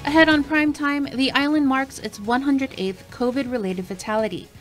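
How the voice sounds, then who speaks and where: A woman presents scripted news headlines in a teaser style. Her voice is a little high, and music plays faintly behind her. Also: normal speed.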